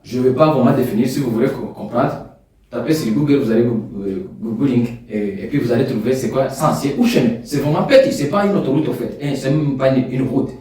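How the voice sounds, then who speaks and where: Speaking a little fast in a mid-range voice, a Rwandan man whose mother tongue is Kinyarwanda preaches in an echoing hall. He booms on the main points and lowers his voice to pray, recorded from a distance.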